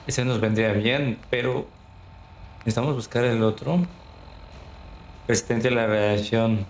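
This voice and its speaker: A man giving casual, unhurried gameplay commentary on a livestream, thinking aloud as he plays. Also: medium pitch, fairly even intonation. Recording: roomy echo with clear background noise.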